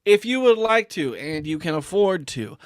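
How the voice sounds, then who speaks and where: A man's voice: high voice, sing-song, moderate pace, slight background noise. A man hosting a casual sports podcast in an easygoing, slangy way, often calling his co-host "bro". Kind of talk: casual chat.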